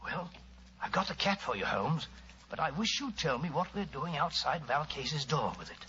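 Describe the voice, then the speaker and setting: Bumbling English doctor, old-time radio, baffled and loyal, animated, muffled recording. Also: male voice, on the high side, normal speed, slight background noise. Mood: perplexed. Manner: blustering, bumbling. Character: blustery, bewildered English doctor, loyal detective's sidekick.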